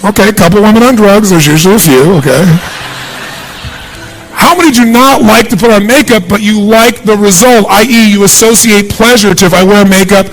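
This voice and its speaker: A middle-aged man giving a punchy, energetic seminar speech to a large audience in a big hall, asking the crowd questions. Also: high-pitched, fairly quick, faint music behind. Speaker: motivational speaker.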